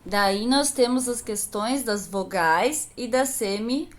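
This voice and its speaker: Slow, patient woman teacher. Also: a little high. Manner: patient and explanatory, asks questions and answers them herself. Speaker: primary school teacher. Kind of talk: recorded remote lesson explaining grammar.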